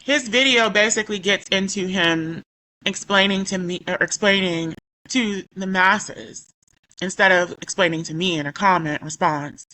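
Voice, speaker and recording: Bright and forceful, her mid-range voice moves at a moderate pace on a rough recording. The woman, a YouTuber whose voice is coming back after losing it, vents indignantly in a commentary vlog, reading her own comments and often correcting herself as she rambles.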